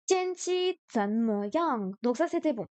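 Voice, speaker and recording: A woman's voice: high voice, expressive, unhurried, darkish tone, dry recording. A woman streaming a live study session, thinking aloud hesitantly with many fillers. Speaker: streamer learning Chinese.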